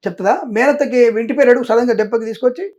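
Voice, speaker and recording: A middle-aged man answering interview questions as a Vedic astrologer. His voice sits quite high and he talks at a very fast clip. He is insistent and emphatic, hammering his points home. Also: a little mellow, muffled recording. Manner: emphatic, insistent, repeats "I" for stress, mixes in English.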